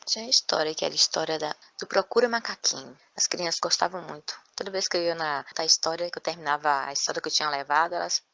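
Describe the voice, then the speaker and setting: A woman storyteller telling a folk tale in an animated way, often adding tag questions. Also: deep voice, quick pace, creaky, hardly any pauses. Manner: lively, frequent tag questions.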